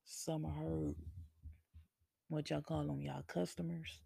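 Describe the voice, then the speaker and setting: A man hosting a podcast, chatting casually and laid-back, swearing freely and laughing often, with a gravelly, husky voice. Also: a little high, level tone, takes it slowly, mellow, dry recording. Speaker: podcast host. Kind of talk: casual solo chat.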